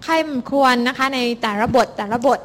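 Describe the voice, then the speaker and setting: A woman interpreting a sermon into Thai for the congregation, rendering it lively and expressively. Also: sits high, a little fast. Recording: hall reverb.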